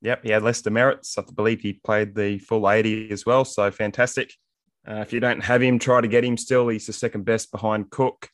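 An Australian man with a fairly low voice, recorded close and dry, talks through team selections in a casual way as a sports panellist. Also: little pitch movement, brisk, no echo. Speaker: fantasy rugby league panellist.

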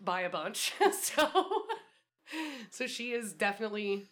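A woman's voice: mid-range voice, a little slow, fairly bright tone. Laughing, swearing woman co-host. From Wisconsin. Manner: laughs often, swears freely. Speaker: podcast co-host. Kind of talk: casual chat.

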